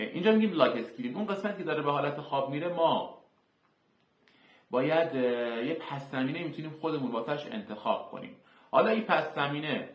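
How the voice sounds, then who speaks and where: A man hosting a screen-recorded software tutorial, explaining each term step by step with filler sounds. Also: medium pitch. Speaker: tutorial host. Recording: echoey, dull lo-fi room.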